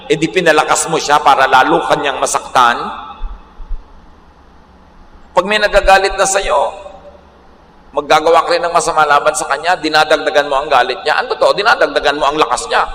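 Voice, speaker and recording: A man pastor preaching a sermon, moving between Tagalog and English and slowing down to read scripture. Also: fairly high pitch, pushed and bright. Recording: echoey hall, faint background noise.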